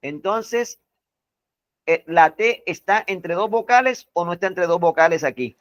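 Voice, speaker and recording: A man's voice: sits high, expressive, no echo. A male English teacher teaching a class, repeating and stressing each word and asking students to confirm. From Colombia. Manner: slow, repetitive, stresses words one by one. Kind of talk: classroom lesson.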